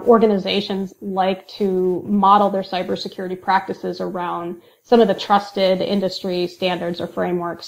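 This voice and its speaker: Podcast guest, woman, mid pitch, measured explainer with ums. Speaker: guest, industrial cybersecurity manager. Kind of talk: podcast interview.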